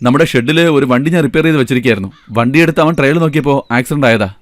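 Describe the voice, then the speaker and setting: A man's voice: mid-range voice, racing, dry recording, lightly acted. A man dubbing a young shop owner who soothes his girlfriend, in film dialogue. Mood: coaxing. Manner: coaxing, soothing. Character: young male shop owner and lover, eager to please. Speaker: dub actor.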